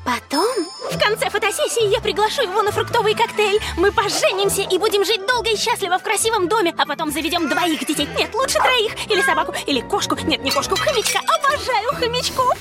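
A woman voicing a flustered, excitable, lovestruck teenage girl in a cartoon dub. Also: very high voice, quick pace, loud music behind the voice. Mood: dreamy, eager.

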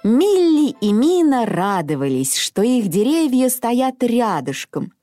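A woman reading a children's story aloud with expressive narration. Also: fairly high pitch, slow, no echo, studio quality, faint music behind.

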